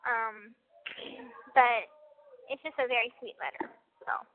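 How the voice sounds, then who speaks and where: A woman's voice: fairly high pitch, measured pace. A woman talking in a rambling, chatty way on a prison payphone call, laughing easily as she goes. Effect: prison payphone call line. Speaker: caller from a correctional facility. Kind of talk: casual phone chat. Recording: tinny payphone line.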